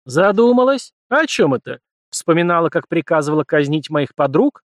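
A man's voice: on the high side, very animated, fairly quick, no room sound, pitched above the performer's own voice. A man doing a fierce female warrior. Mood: harsh. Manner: harsh, scornful.

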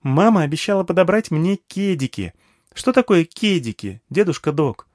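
A man voicing a chatty, excitable little girl who fires off eager questions in an audiobook. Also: a little high, normal speed, no room sound, studio quality, voice pushed up. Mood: chirpy.

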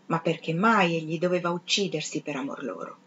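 A woman reads a literary novel aloud with a measured, expressive delivery. The recording is slightly muffled. A faint hiss sits in the background. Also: low-pitched. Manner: measured, expressive dramatic reading. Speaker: reader of literature. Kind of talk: literary audiobook reading.

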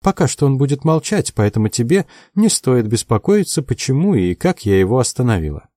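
A male audiobook reader voicing a composed, motherly older woman who speaks in a firm, measured and evasive way. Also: medium pitch, very animated, dark tone, no echo, studio quality, pitched above the performer's own voice. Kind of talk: audiobook character voice.

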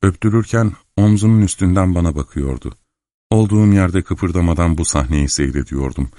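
A man calmly narrating a literary novel in the first person as an audiobook reader. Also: low voice, no echo, studio quality. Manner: calm, measured storytelling.

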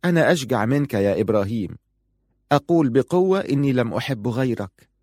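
A man's voice: mid-range voice, lively intonation, fairly quick, a little mellow, dry recording, close to an everyday voice. A bold, clever young wife speaks with teasing confidence in a dry, close audiobook recording , voiced by a man. She stays sure of herself and a touch playful. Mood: tender.

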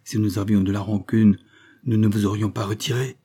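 A man's voice: on the low side, little pitch movement, brisk, dark tone, slightly rough. A man reading the part of an older, kind peasant mother who talks in plain, earnest country speech.

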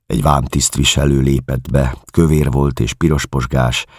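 A man reading a novel aloud as an audiobook, in a measured, calm first-person voice. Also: extremely low pitch, no room sound, clean studio sound. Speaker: audiobook narrator.

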